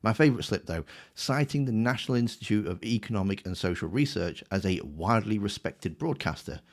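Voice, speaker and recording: A man with a fairly low voice delivers scripted commentary as a rebuttal. He sounds smug and sarcastic, mocking the claims he picks apart. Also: lively intonation, a little fast. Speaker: political commentator.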